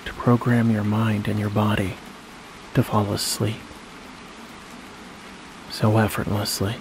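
Steady, rain-like noise accompanies a hypnosis guide as he leads a guided sleep meditation. His voice is low and even, and he speaks slowly and soothingly with long gaps between phrases.

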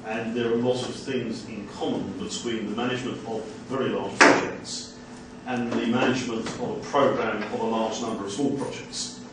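A man, a university lecturer, making a measured, hesitant comment from the audience at a seminar in a small room. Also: medium pitch, steady tone. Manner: measured, hesitant with many ums. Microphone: far room camera mic. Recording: echoey room from far off, background hiss.

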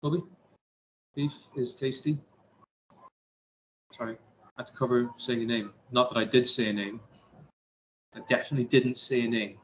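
A man's voice: mid-range voice, steady tone, moderate pace, pauses often, a little hiss or hum, rough recording. A man teaching a science lesson to his class, talking through a simulation with jokey, self-deprecating asides.

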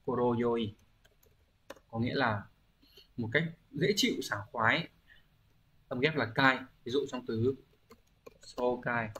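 Male language teacher, mid-pitched, patient explainer recording an online exam-review class; thinks aloud, lots of "uh" and rhetorical questions. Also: measured pace, long pauses, sharp tone, a little hiss or hum. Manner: thinks aloud with frequent hesitation fillers.

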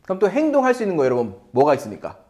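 A man in his thirties teaching an online English lesson. His voice sits a little high and swings widely up and down. He talks playfully and keeps asking his viewers questions. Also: wildly swooping pitch, rapid-fire, a little mellow.

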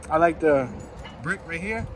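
A man in his early thirties leads a casual walking tour along a city sidewalk, reading out signs and street names as he goes, with outdoor traffic and ambient street noise around him. His voice is a little high, fairly bright, and animated, and he speaks informally at a slightly slow pace.

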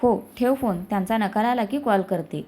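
A woman voicing a stubborn, upset young woman facing a marriage match, in a lower, subdued tone. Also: moderate pace, warm tone, close to an everyday voice. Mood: subdued, irritated.

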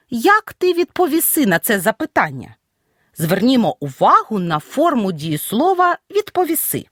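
A woman teacher giving an audio grammar lesson, stressing each example word clearly. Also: a little high, dry recording, studio quality. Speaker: Ukrainian language teacher.

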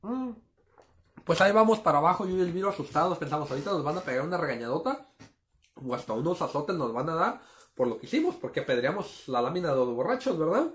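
A man's voice: a little high, animated, quick pace, fairly bright tone, reverberant. A man casually telling a story to his listeners, calling them friends and acting out the sound effects. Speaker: storyteller host.

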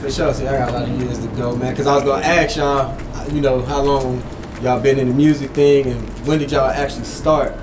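A man hosting a casual interview, laid-back and quick to agree. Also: mid-range voice, flat delivery. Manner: laid-back, affirming with "for sure". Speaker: podcast host. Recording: roomy echo, off-mic, noisy.

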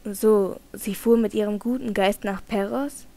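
A woman's voice: medium pitch, fairly even intonation, measured pace, vocal fry, dark tone. A woman voicing an anxious young nobleman in an audiobook, asking urgent, distressed questions. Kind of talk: audiobook character reading.

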